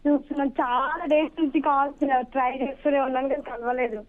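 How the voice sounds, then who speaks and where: A woman's voice: high voice, steady tone, quick pace. A woman, calling in to a radio show, eager and a little nervous, on a weak phone line that keeps breaking up. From Telangana, India. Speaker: phone-in caller. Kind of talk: casual phone-in chat.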